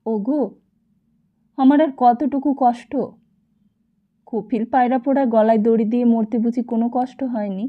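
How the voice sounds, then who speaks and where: A woman's voice: on the high side, fairly even intonation, normal speed, pauses often, natural voice. Woman voicing an anguished sick husband. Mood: stubborn grief. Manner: pleading, raised, agitated voice. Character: anguished grieving young husband, sick and guilt-ridden. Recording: slightly dull lo-fi recording.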